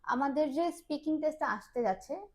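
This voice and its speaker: High-voiced woman explaining. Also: animated, fairly quick, a crowd in the background. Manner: explains in Bengali mixed with English phrases, with many "ah" fillers. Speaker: business development manager for the test company. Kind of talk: explaining test format in an interview.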